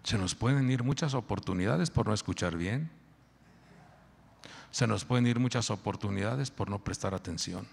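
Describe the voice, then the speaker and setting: A male pastor preaching a sermon, animated and quizzing the congregation. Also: lowish voice, normal speed, creaky, slightly rough, big-room sound.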